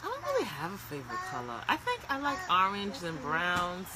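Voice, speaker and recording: A woman co-hosting a casual live-stream chat, frank and animated, ranting with quick asides. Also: lowish voice, very noisy. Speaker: co-host.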